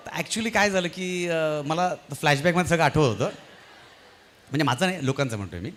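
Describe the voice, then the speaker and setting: A man doing stand-up comedy on stage at a live event, telling an animated story and acting out its voices. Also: a little high, a little fast, a little hiss or hum. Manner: animated, acts out the voices in his stories.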